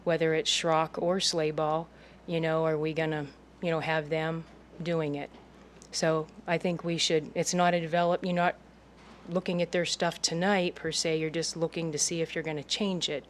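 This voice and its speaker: A woman's voice: low voice, little pitch movement, moderate pace, slight background noise. A woman giving informal public comment as a resident at a hearing.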